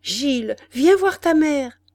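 Brief: desperate pleading old widow, high and loud, as a female reader puts her on; dry close sound. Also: lively intonation, slow, no room sound, full character voice. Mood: eager. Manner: pleading, exclaiming. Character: poor old widowed mother, anguished and pleading.

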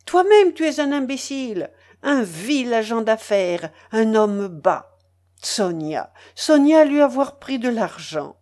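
A woman's voice: a little high, expressive, a little slow, a little mellow. A woman voicing a frantic, consumptive mother who rails shrilly and scornfully in an audiobook scene. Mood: furious. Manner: shrieking, scornful tirade.

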